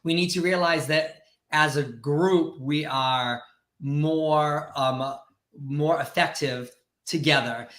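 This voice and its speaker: A campy American man hosts a casual live chat with a bright, slightly high voice. His delivery is teasing, and the room echoes around him. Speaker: host. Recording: roomy, echoing live sound.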